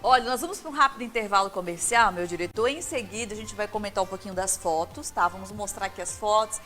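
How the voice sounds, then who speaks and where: Brief: Brazilian female TV host, fast and chatty, faint music behind. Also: medium pitch, pushed and bright. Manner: brisk, chatty interjections. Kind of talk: TV interview hosting.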